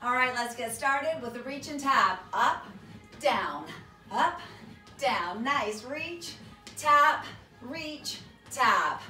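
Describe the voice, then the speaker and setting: An echoey room carries the bright voice of a woman leading an exercise class from a little way off the mic. She gives short, encouraging cues and counted repetitions, with music playing behind her. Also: sits high, animated, drawn-out words, distant mic. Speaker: fitness instructor. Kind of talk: workout coaching with counted cues. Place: small carpeted home exercise room, indoors. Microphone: camera across the room.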